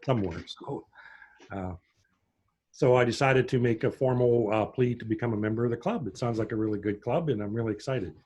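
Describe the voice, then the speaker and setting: A man's voice: mid-range voice, brisk, darkish tone, husky, lo-fi sound. A middle-aged man from Pittsburgh introducing himself on a video call, chatty and rambling as he tells his story. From Pittsburgh, USA. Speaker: prospective club member.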